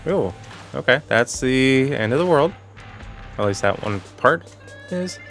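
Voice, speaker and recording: A man giving casual, rambling commentary over a farming game while losing his voice, clearing his throat now and then, with soft music behind. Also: mid-range voice, animated, a little slow. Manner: rambling, self-correcting, chatty. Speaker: gaming channel host.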